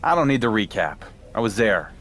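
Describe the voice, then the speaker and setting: A man with a lowish, fairly bright voice plays a cocky, defiant champion wrestler in a video game, delivering dramatic lines that are confident, pointed and needling. He's very animated and talks a little fast, with faint background noise in the recording.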